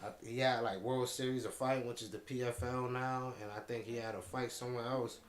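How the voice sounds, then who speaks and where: A man hosting a podcast in casual chat, slangy and quick to laugh, saying "yeah" over and over. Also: mid-range voice, steady tone, roomy sound. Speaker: podcast host.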